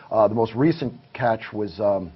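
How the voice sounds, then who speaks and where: At a moderate pace, a man with a slightly rough voice on the low side tells a casual interviewer, in earnest detail, about his findings as a paranormal investigator. The recording sounds muffled, with faint hiss.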